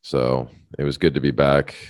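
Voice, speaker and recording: Very deep-voiced man, casual podcast rambling. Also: little pitch movement, moderate pace, darkish tone, no room sound, studio quality. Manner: rambling, self-interrupting, laughs often. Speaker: podcast co-host. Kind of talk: casual chat.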